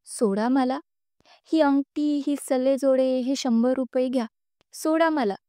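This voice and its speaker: A man's voice: extremely high pitch, a little slow, dark tone, clean tone, dry recording, clean studio sound. A woman narrator voicing a frightened male attacker who begs to be let go. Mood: begging. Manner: panicked begging.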